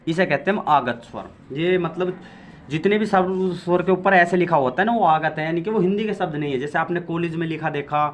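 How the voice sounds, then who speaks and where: A man's voice: fairly high pitch, a bit bright. A man giving a Hindi grammar lesson for exam prep, explaining patiently, repeating points, drawing out sounds and asking quiz-like questions. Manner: talks to viewers directly with quiz-like questions.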